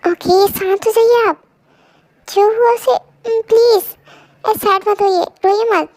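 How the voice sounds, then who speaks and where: A woman's voice: very high voice, steady tone, takes it slowly, a little mellow, no echo, pitched above the performer's own voice, heavily acted. A young woman voicing a caring young wife in an amateur fan dub drama, speaking in a coaxing, earnest way. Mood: soothing.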